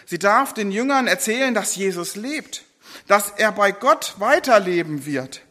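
A man preaches with a high, bright voice. He retells the story with lively feeling, briefly acting out the people in it in a sermon style. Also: unhurried.

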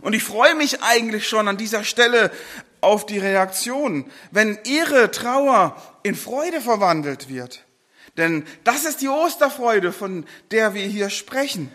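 A man preaches with a high, bright voice. He retells the story with lively feeling, briefly acting out the people in it in a sermon style.

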